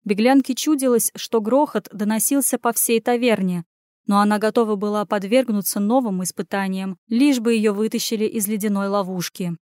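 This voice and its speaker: A woman narrating a fantasy audiobook in an expressive storytelling manner. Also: mid-range voice, moderate pace, no room sound, clean studio sound.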